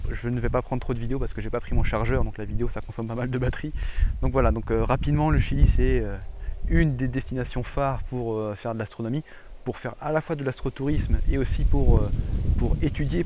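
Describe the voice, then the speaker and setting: A man's voice: mid-range voice, fairly even intonation, fast talker, noisy background. A man talking to camera in a casual, enthusiastic astronomy travel vlog outdoors, with many fillers and restarts. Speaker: astronomy vlogger. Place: outdoors in a hilly valley.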